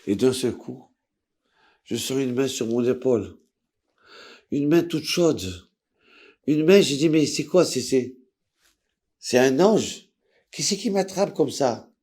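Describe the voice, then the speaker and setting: A man, a rabbi, telling a story aloud with drama, acting out the people in it and swinging from hushed to loud. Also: medium pitch, animated, takes it slowly, long pauses. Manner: dramatic, voices characters with big swings in loudness. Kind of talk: emotional spoken storytelling.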